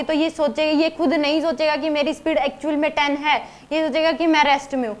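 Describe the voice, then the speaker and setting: A woman teaching physics in a classroom lecture, explaining step by step and putting rhetorical questions to her students. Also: sits high.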